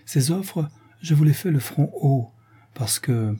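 A man voicing a young fiancée who speaks softly but firmly, with solemn resolve, in a read-aloud novel. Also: on the high side, expressive, takes it slowly, breathy edge, full character voice. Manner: soft yet resolute, solemn. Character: young woman, gentle but firm fiancée.

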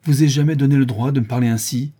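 A man's voice: medium pitch, lively intonation, normal speed, dark tone, breathy edge, pitched above the performer's own voice. A man voicing a proud young noblewoman. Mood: earnest.

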